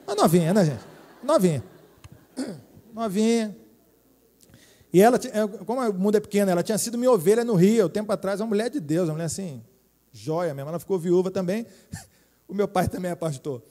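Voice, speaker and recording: A Brazilian man in his forties, a pastor preaching a lively, joking sermon and speaking straight to his congregation. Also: high voice, fast, big-room sound. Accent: Brazilian Portuguese. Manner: lively, jokey preaching with direct appeals to the congregation. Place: church hall.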